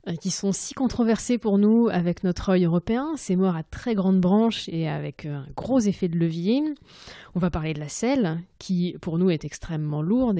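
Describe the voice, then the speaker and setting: A woman's voice: lowish voice, dark tone, dry recording, studio quality. A woman from France with a French accent, hosting a podcast interview in an enthusiastic, chatty way with many fillers. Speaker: podcast host. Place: home, recorded remotely.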